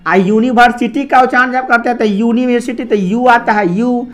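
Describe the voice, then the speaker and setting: A man's voice: very high-pitched, steady tone, normal speed, soft background music. A man teaching a grammar lesson to a class. He repeats each point and keeps asking whether the students have understood.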